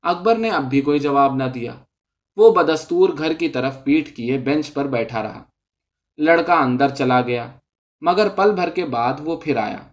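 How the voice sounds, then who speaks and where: A man calmly reading a short story aloud as narrator, in a dull lo-fi recording. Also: on the high side.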